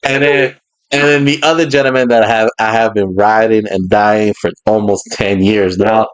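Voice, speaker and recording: A man's voice: on the low side, fairly even intonation, normal speed, clear, resonant tone, rough recording. A man hosting a podcast in casual chat, rambling and laughing often. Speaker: podcast host.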